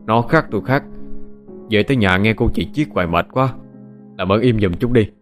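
A man's voice: on the low side, moderate pace, faint music behind, natural voice. Narrator's curt, weary husband, brushing off his nagging wife. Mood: irritated. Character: irritable busy husband, dismissive.

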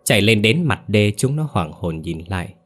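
Man, low voice, scripted ghost story narration, dramatic storyteller. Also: sing-song, moderate pace.

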